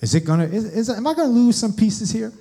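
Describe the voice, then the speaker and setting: A man voicing an eager little boy who is sure he won't lose his toys, in a high childish tone. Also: expressive, quick pace, warm tone, husky, exaggerated voice. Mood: anxious.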